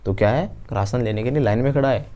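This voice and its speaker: Mellow-voiced male English teacher. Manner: acts out short dialogues with shifting pitch, spells out English phrases slowly. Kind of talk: spoken English lesson.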